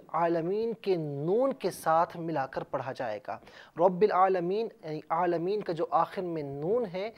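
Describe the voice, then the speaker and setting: A man's voice: fairly high pitch, muffled recording. A man hosting a TV lesson on Quran recitation, explaining rules carefully and drawing out words letter by letter. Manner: measured teaching, drawn-out letter-by-letter recitation. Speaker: TV Quran teacher and host.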